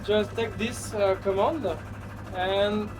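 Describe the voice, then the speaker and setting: A man giving short, casual instructions in halting phrases as a ferry driver. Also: sits high, steady tone, background noise.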